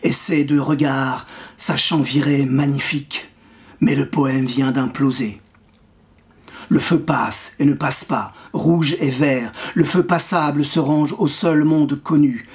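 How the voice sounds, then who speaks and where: A poet reading his own poem aloud with a measured, rhythmic delivery. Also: medium pitch, fairly even intonation. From France. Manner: measured, rhythmic recitation with wordplay. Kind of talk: poetry reading.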